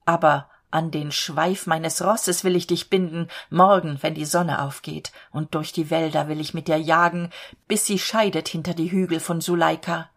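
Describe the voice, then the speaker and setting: A woman's voice: low-pitched, steady tone, moderate pace. A woman reading the lines of a stern, commanding male robber chief in a spoken fairy tale. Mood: wrathful. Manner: wrathful, commanding.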